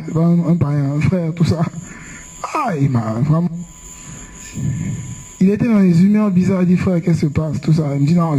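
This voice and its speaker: Young male preacher, chatty anecdotal sermon, mellow and breathy. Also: high-pitched, low-quality recording. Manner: conversational, anecdotal preaching with rhetorical questions.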